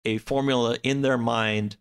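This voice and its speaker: With a clean, medium-pitched tone and fairly even intonation, he talks at a moderate pace. He's a podcast guest casually telling a story that rambles and is loosely pieced together, peppered with "like."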